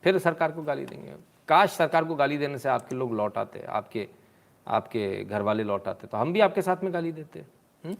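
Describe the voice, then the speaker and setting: A man with a rough, gravelly edge to his mid-pitched voice hosts a live stream. He mocks and scolds the people in the clips, then turns to viewers' comments. His delivery is sarcastic and teasing. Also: animated, moderate pace.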